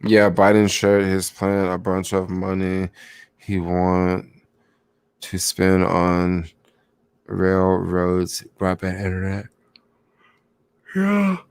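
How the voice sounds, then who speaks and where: A man's voice: low voice, slow, long pauses, clear, resonant tone, no room sound, studio quality. A young man chatting casually about stocks on a livestream, rambling with lots of fillers and answering viewers, sounding sleepy. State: sleepy, yawning. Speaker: stock vlogger.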